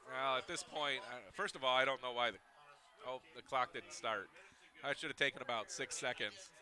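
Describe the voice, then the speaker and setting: A man giving color commentary on a high school football game, chatty and analytical, with easy laughs. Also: moderate pace, sharp tone.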